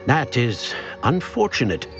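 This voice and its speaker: An actor playing a grave, courtly older professor of magic in a video game, speaking in a formal, measured way. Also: male voice, medium pitch, big pitch swings. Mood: grave, instructive. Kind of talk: scripted video game acting. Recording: slightly dull audio over music.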